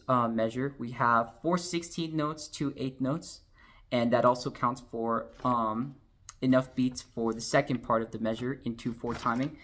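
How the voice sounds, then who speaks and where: A man's voice: mid-range voice, fairly bright tone. A man teaching drumline sheet music, explaining patiently and counting and singing the rhythms aloud. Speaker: drumline instructor.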